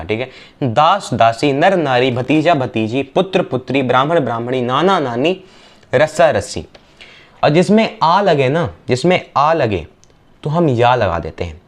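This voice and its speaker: Young male tutor, mid-range voice, fast drill-style exam revision with constant check-ins. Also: mid-range voice. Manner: brisk, repetitive drilling with quick checks on the students. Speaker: teacher.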